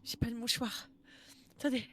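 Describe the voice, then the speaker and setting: A woman's voice: a little high, fairly even intonation, normal speed, pushed and bright, slight background noise. A woman with a French accent streaming a game live, tearful, emotional, exclaiming and repeating herself.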